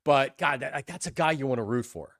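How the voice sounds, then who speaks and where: A man hosting a sports talk show, excitable and rambling, often repeating his words. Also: mid-range voice, fairly quick, no room sound, studio quality.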